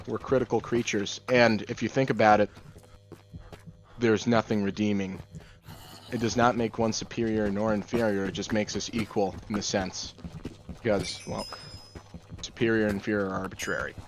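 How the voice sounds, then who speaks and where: A young man doing gameplay commentary in a deadpan monotone, rambling through offbeat musings. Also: on the low side, moderate pace, a little hiss or hum. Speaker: gaming channel host.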